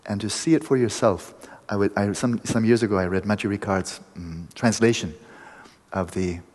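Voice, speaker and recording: Husky low-voiced man teaching meditation. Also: darkish tone, in a large hall. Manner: vivid, image-rich explaining with pauses and restarts. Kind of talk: dharma talk to a retreat group.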